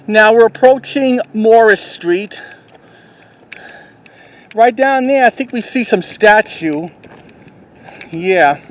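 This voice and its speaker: A man narrating a walking tour outdoors on a town street, rambling and halting with many restarts, recorded on a handheld camera as he walks. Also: sits high, rough recording. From New York City. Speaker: vlogger. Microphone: handheld camera while walking.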